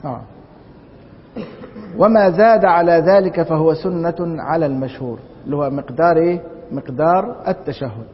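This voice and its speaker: Speaking at a moderate pace, a man with an Egyptian Arabic accent delivers a classroom lecture on Islamic law from a religious text. He constantly answers his own rhetorical questions, and the large mosque lecture hall gives a dull, reverberant recording with faint rumble.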